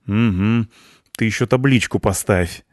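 A man voicing a gruff, snappish young female cleaner in an audiobook. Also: on the low side, measured pace, no room sound, voice pushed up, close to an everyday voice. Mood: grumpy. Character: grumpy young female cleaner, sharp-tongued.

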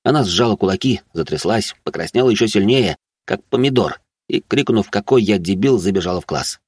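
A man narrating a first-person fantasy audiobook in a low-key, wry way. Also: animated, fairly quick, a little mellow, breathy edge, dry recording, clean studio sound.

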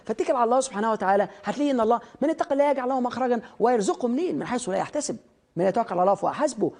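A man with an Egyptian Arabic accent delivers a motivational lecture at a rapid clip. His voice is somewhat husky, and he speaks straight to the listener with commands and questions. He drives each point home by repeating it. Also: sits high, a little mellow.

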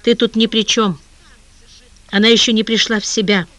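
An audiobook reader voicing a commanding male newspaper boss with a brisk manner. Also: medium pitch, level tone, pushed and bright, dry recording, natural voice. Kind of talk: audiobook character reading.

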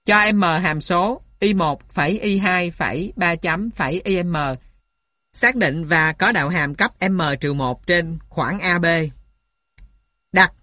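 A woman's voice: fairly low pitch, slow pace, pushed and bright, no room sound, studio quality. A woman reading scripted lesson material aloud in a methodical way, carefully spelling out each element like a lecturer. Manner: methodical, spells out symbols and punctuation.

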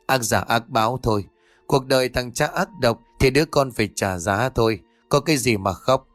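A man's voice: mid-range voice, a bit bright, dry recording, faint music behind, natural voice. A man doing a sneering village bystander. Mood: scornful. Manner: sneering, quick.

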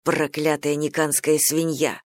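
A reader voicing a hot-tempered young male soldier who snaps insults loudly. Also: medium pitch, flat delivery, a little slow, no room sound, lightly acted. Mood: angry. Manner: snapping and loud.

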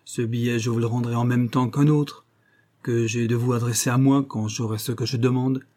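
A man's voice: mid-range voice, fairly even intonation, moderate pace, mellow, natural voice. A man voicing an old male blackmailer who whines with false humility and sly mockery, in a read-aloud novel. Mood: mocking. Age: older. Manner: wheedling, falsely humble, mocking.

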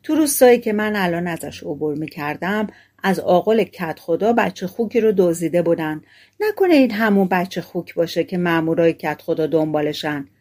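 A woman's voice: on the low side, lively intonation, a little mellow. A woman reading the lines of a sly teenage boy who talks someone into a trade, in a storybook tale. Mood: scheming. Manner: scheming, persuasive.

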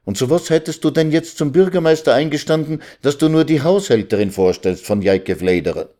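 A smug village lawyer from an old storybook, lecturing slowly in a raised, know-it-all voice. He explains things with lofty patience, as a male reader puts him on. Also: a little high, expressive, mellow, pitched above the performer's own voice, natural voice. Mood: chiding. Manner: lecturing, drawn-out.

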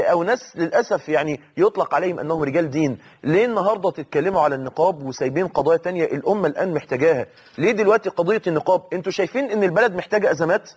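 A man with an Egyptian accent delivers a sermon at a rapid clip. His voice sits high and husky, and he drives his points home with fervent repetition. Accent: Egyptian Arabic. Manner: impassioned, rapid exhortation with repeated phrases. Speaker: preacher.

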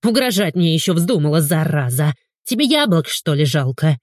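A woman voicing a pushy middle-aged village woman who scolds indignantly and shrilly. The voice sits higher than her plain narration. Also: very animated, normal speed, darkish tone, no room sound, studio quality.

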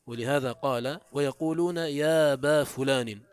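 A man's voice: normal speed, clear, resonant tone, no room sound. A man teaching Arabic morphology, reading passages from a classical text aloud and explaining them step by step. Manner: pitch jumps up when introducing quotes. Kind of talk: classical text commentary lesson.

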